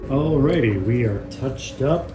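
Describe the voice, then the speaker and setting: A man's voice: medium pitch, animated, measured pace. A man hosting a casual guitar-building tutorial in his garage workshop, chatty and jokey. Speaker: guitar builder and channel host. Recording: echoey garage with faint noise.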